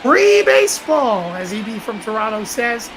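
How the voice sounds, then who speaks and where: A woman's voice: on the high side, big pitch swings, moderate pace, noisy background. A woman doing emphatic, conversational play-by-play baseball commentary on a live stream.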